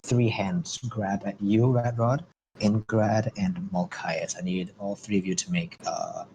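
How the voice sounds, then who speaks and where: Low-voiced man as game master. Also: fairly even intonation, measured pace, creaky. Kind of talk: improvised tabletop game narration and casual chat. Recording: faint background noise.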